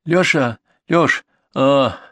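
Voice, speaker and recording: A man voicing a good-humored wife who speaks in a gentle, teasing way, in a storybook reading. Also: mid-range voice, extremely slow, no echo, pitched above the performer's own voice. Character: good-humored wife waking her husband.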